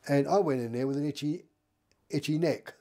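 A man's voice: a little high, a little fast, mellow. A man, telling rambling stories with many restarts and acted-out dialogue. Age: 70s. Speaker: interviewee. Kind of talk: casual anecdote telling.

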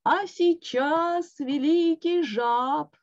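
A woman voicing a grand stage announcer who makes slow, drawn-out proclamations. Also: sits high, a little mellow, dry recording, pitched above the performer's own voice, heavily acted. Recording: dull lo-fi online call.

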